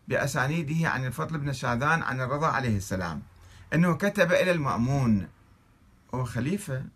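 A man with an Iraqi Arabic accent talks at a quick clip, reading out religious texts and pulling them apart. His voice is husky and bright-edged, and he argues hard, throwing out one rhetorical question after another. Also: medium pitch. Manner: argumentative, fires off rhetorical questions. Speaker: religious commentator.

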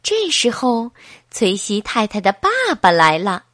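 A woman reading a children's story aloud in a slow, expressive storytelling manner. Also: medium pitch, no room sound, studio quality.

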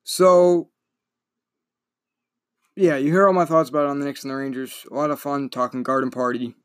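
This young man's voice is medium-pitched and smooth, with little pitch movement, as he hosts a casual solo sports podcast at a normal speed. He rambles chattily and often corrects himself, and the studio-quality recording has no echo.

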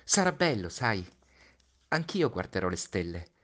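A man reading a storybook voices the Little Prince, a gentle, earnest small boy, in a raised, pleading childlike voice. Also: fairly low pitch, sing-song, measured pace. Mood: wistful.

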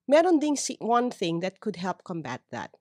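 A woman's voice: mid-range voice, big pitch swings, normal speed, a little mellow, no room sound, studio quality. A woman with a Filipino accent hosting a podcast, explaining ideas in a conversational advice monologue and often checking that listeners follow. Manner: explanatory, frequent self-checking tags. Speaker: podcast host. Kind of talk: conversational advice monologue mixing two languages.

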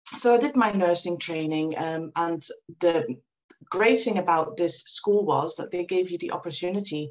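A Dutch woman in her forties, from the Netherlands, speaks in a fairly low voice at a moderate pace. As a guest in an interview, she tells her story reflectively, with many ums and restarts. The audio quality is poor.

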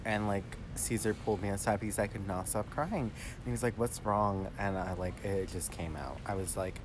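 A young man with a fairly low voice chats on a casual podcast. He rambles through his stories and packs them with fillers and restarts. Steady noise sits under the recording. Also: normal speed. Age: young adult. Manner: rambling, filler-heavy storytelling. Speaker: podcast co-host. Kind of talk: casual chat.

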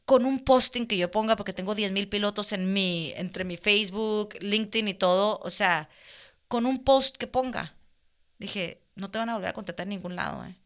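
Bright-voiced woman telling a story. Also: medium pitch, moderate pace. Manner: animated, laughs often while telling a story. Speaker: guest. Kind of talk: casual chat, storytelling.

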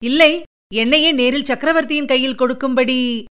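Brief: a woman playing a respectful young warrior in a radio story, polite, fairly high voice. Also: normal speed, fairly bright tone, clean tone. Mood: humble. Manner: polite, deferential replies. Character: humble young male warrior messenger.

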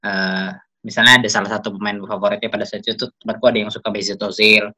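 A young man, a guest in a casual chat about football, talking in a relaxed way that often trails off softly. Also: lowish voice, fast talker.

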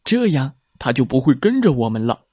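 A man's voice: medium pitch, sing-song, brisk, a little mellow, slightly rough, no echo, studio quality. A man voicing a bossy, impatient young male anteater who scolds his little brother. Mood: scolding.

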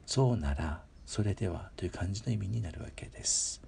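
A man with a very low, gravelly voice teaches a grammar lesson in a patient, measured way. He repeats each example word slowly and speaks in polite, instructive phrases. Faint noise sits under the recording. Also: lively intonation, dark tone. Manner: polite instructional phrasing with frequent filler pauses. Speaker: language teacher.

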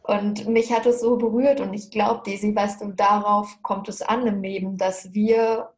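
A woman's voice: mid-range voice, flat delivery, a little slow. Brief: woman guest, earnest storyteller, mid-range voice, heartfelt. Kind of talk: storytelling in a podcast interview.

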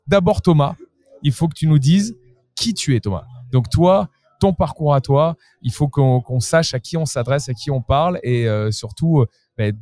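A man's voice: mid-range voice, mellow, no room sound. A man hosting an interview podcast at a trade fair, talking with enthusiasm, with faint concert music behind him. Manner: enthusiastic, talkative. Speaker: podcast host. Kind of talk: casual interview.

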